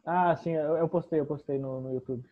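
A young man speaks in a calm, understated way as he tells his story. His voice sits a little high. The recording sounds dull and lo-fi. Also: normal speed. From southern Brazil. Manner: relaxed, soft-spoken storyteller. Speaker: stand-up comedian guest. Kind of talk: casual podcast conversation.

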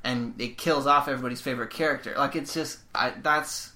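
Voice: mid-range voice, fairly even intonation, brisk, bright, forceful tone. A podcast co-host talking eagerly about movies in casual chat, rambling with many restarts and self-corrections.

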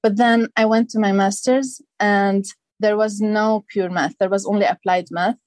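A woman's voice: medium pitch, steady tone, moderate pace, darkish tone, dry recording. A young woman from Lebanon, a guest on an interview podcast, explaining her studies thoughtfully with many fillers. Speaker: guest, PhD candidate. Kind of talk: casual interview.

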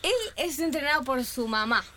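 Bright-voiced Rioplatense woman teaching pronunciations. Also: high voice, moderate pace. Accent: Rioplatense Spanish. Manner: teacherly, spells out sounds and asks quiz questions. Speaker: sports pronunciation columnist. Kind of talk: playful didactic radio chat. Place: radio studio.

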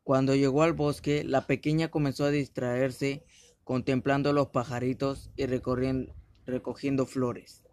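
Man, storyteller, fairy tale read aloud, measured, fairly flat pitch.

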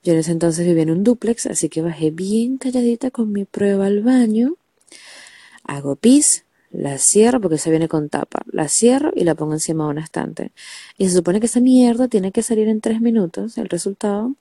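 A woman's voice: medium pitch, moderate pace, husky, no room sound. A woman with a Venezuelan accent and a nasal, stuffed-up voice tells a personal story casually, swearing and using lots of slang. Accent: Venezuelan Spanish. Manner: profane, animated storytelling full of slang. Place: under a quilt at home.

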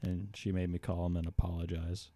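A young man in casual chat with a flat, dry delivery. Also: sits low, brisk, no room sound.

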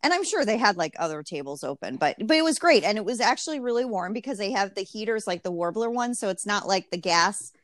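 A woman in casual podcast chat, talking in quick bursts with many fillers and restarts. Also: mid-range voice, expressive, dry recording, clean studio sound. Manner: chatty, frequent fillers and restarts.

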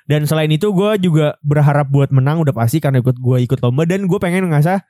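A man's voice: fairly high pitch, fast talker, mellow, dry recording, clean studio sound. A young man with a Jakarta accent hosting a podcast, telling a story in slangy, joshing chat and often repeating his phrases. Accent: Jakarta Indonesian. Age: young adult. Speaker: podcast host.

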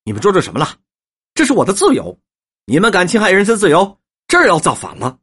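A woman voicing a pompous young male legislator in a storybook reading, indignant and loud. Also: fairly low pitch, wildly swooping pitch, quick pace, slightly rough, heavily acted. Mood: defiant. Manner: indignant, shouting threats.

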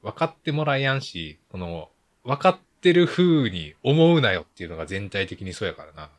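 A man with a fairly low voice and a Kansai Japanese accent chats casually on his own, as in a film review podcast. His delivery is blunt and colloquial, wandering through grumbly asides. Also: sing-song, normal speed. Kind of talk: casual solo movie-review chat.

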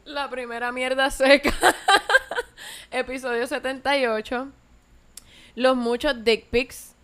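A young woman with a Puerto Rican accent chats casually on a podcast about old episodes. Her voice is bright, smooth and clear, sitting a bit high, and she laughs freely and often. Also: fairly even intonation, slow. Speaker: podcast co-host. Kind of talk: casual podcast chat, recapping past episodes.

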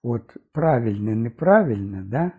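An older man, a philosophy lecturer, talking through ideas in a relaxed discussion and checking in with short asides. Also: medium pitch, unhurried, breathy edge, narrow, tinny audio. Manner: thoughtful, fond of asides and 'да?' checks. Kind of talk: conversational discussion.

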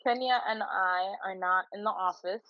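A woman's voice: medium pitch, moderate pace, no room sound. Woman, podcast co-host, casual playful banter, slangy, muffled lo-fi audio, dry room. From Zambia. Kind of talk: casual chat, some reading aloud. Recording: dull, lo-fi audio.

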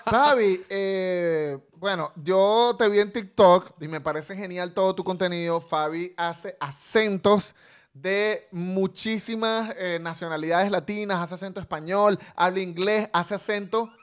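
High-voiced man co-hosting. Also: a little slow, smooth. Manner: joking, complains playfully. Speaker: podcast co-host. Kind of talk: casual chat.

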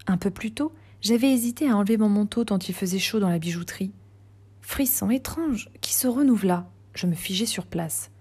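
A woman narrating a novel aloud in the first person, in a soft, half-whispered delivery. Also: mid-range voice, breathy edge.

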